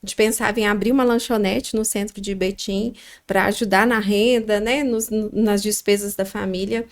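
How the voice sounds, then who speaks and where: A middle-aged restaurant founder from Minas Gerais, Brazil, speaks as a podcast guest in Minas Gerais Brazilian Portuguese. Her mid-range voice is steady in tone, and she tells her story reflectively, pausing often and using plenty of fillers.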